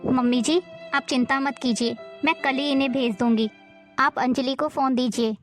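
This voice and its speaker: A woman's voice: high voice, steady tone, moderate pace, soft background music, natural voice. A woman voicing a firm, caring elder daughter-in-law. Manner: firm, lecturing.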